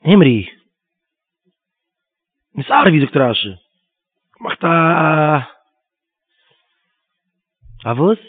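A man's voice: on the high side, big pitch swings, very slow, pauses often. A man giving a Talmud lesson, reading Hebrew quotes and explaining them in Yiddish. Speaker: Talmud teacher. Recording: tinny phone-line sound.

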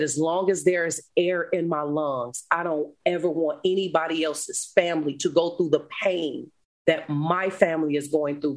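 A woman guest speaker telling her life story in an interview, animated, laughing often, moving between loud and hushed. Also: low-pitched. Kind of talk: emotional storytelling.

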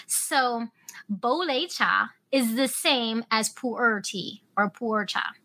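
A woman podcast host with a high, bright voice talks casually and eagerly. She leans into words with lively emphasis as she tells stories to her listeners. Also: low-quality recording. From Hong Kong, raised in Alaska. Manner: enthusiastic, storytelling, lively emphasis. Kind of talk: casual solo podcast talk.

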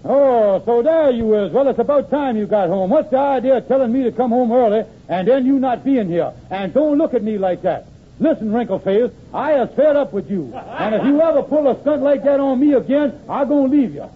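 A man's voice: very high voice, expressive, fairly quick, breathy edge, full character voice. A man playing a blustering, scheming henpecked husband in an old-time AM radio comedy, speaking a folksy ungrammatical dialect. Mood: blustering, indignant. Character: blustering, henpecked lodge-leader husband, scheming and easily cowed. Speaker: comic actor. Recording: tinny, noisy old AM radio recording.

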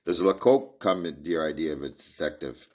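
A man's voice: extremely low pitch, fairly quick. A man reading as a wry, irritated army doctor. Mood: curious.

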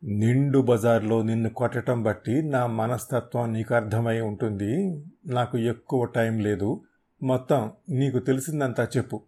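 Man reading a ruthless young man for an audiobook; menacing clipped threats, mellow tone. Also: medium pitch, normal speed, breathy edge, lightly acted. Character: cold, ruthless young man seeking his father.

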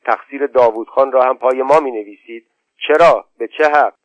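A man's voice: mid-range voice, no room sound, close to an everyday voice. A proud, touchy young chieftain flares up at every slight, his voice climbing as he protests, as an audiobook narrator puts him on. The sound is dry and thin, like a phone line. The voice sits in a middle range. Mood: indignant. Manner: indignant, quick to take offense.

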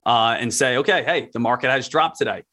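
A man's voice: mid-range voice, brisk, sharp tone. A man on a casual podcast, explaining things earnestly with lots of fillers.

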